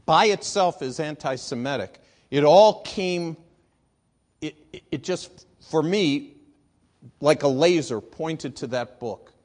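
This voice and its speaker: A man preaching a sermon, telling a personal story in an earnest, pausing way that swings from restrained to emphatic. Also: on the high side.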